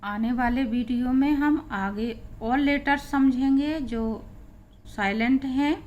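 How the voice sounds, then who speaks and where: A woman's voice: a little high, slight background noise. A woman teaching an English pronunciation lesson, explaining rules step by step and spelling out letters one by one. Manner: slow, deliberate, spelling out letters.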